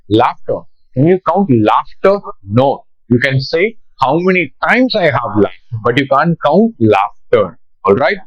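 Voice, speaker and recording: A young man with an Indian English accent gives a grammar lesson, pitched a little high for a man. He poses questions and answers them himself. The recording is dry and slightly muffled. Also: no echo. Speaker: teacher. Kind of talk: classroom lecture.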